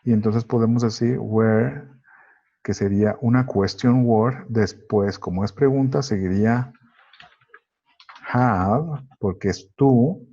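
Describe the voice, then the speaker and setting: A man whose first language is Spanish, teaching an English grammar lesson, slowly working through each example step by step. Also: medium pitch, mellow, breathy edge. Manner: slow, methodical, explains step by step. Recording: dull lo-fi recording.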